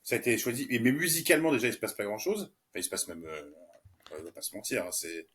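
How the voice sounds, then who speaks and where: Moqueur podcasteur masculin. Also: male voice, medium pitch, big pitch swings, fast talker, a bit bright. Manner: blunt, mocking, laughs often. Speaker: podcast co-host. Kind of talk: casual music review chat.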